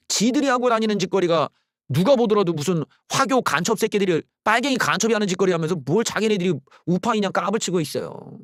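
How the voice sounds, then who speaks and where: A man hosting solo political commentary, blunt and scornful, ranting with rough slang. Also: high-pitched, no room sound, clean studio sound. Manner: mocks slogans in loud shouted bursts.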